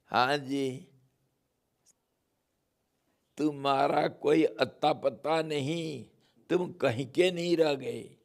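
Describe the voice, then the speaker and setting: A male swami delivering a spiritual discourse. He speaks very slowly and deliberately, teasing his listeners playfully. His voice has a gravelly, creaky texture at a middle pitch. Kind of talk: devotional sermon with storytelling.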